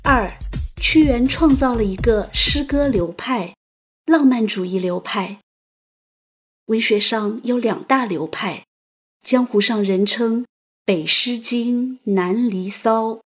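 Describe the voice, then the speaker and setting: A woman narrating a written story as an audio host, in a playful, chatty manner with lively asides. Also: a little high, takes it slowly, soft background music.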